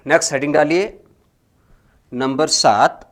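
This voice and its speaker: A man teaching a grammar lesson, slowly dictating notes and repeating each phrase for students to copy, then explaining more loudly. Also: fairly high pitch. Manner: swings between loud explaining and quiet dictating.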